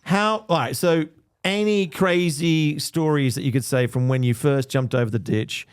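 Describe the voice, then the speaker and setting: A man's voice: fairly high pitch, moderate pace, clean tone. A man co-hosting a casual podcast, joking and laughing with his friends. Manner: lively, laughing banter. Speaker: podcast co-host. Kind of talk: casual chat.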